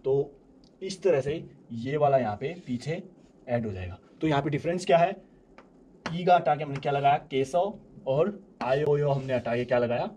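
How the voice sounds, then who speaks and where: A young man teaching a language class, explaining grammar step by step and slowly repeating each example. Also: medium pitch, dark tone, slight background noise. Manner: repeats examples slowly, asks and answers own questions.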